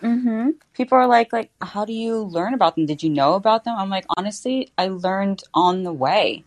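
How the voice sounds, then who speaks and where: A bubbly young woman from Florida guests on a casual podcast, talking eagerly with lots of "like" and quick asides. Her mid-range voice is expressive, and the recording is dry.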